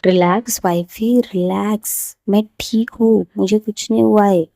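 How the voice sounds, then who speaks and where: A woman storyteller voicing a calm, busy businesswoman who soothes and teases her worried wife. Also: medium pitch, a little slow, creaky, dry recording. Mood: soothing. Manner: soothing, apologetic, teasing.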